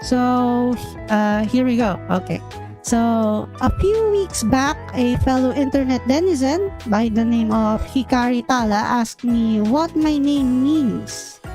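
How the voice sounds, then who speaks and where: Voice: mid-range voice, expressive, takes it slowly, a little mellow, soft background music, voice pushed up. A streamer using a voice changer to voice a cute young female penguin persona, chatty and giggly while introducing herself to chat. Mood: cheerful. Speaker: VTuber streamer. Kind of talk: debut stream self-introduction.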